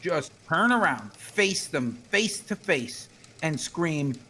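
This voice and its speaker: Male co-host, a bit high voice, deadpan gags, faint hiss. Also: slow pace. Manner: deadpan joke setups, wordplay. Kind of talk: joking radio chat.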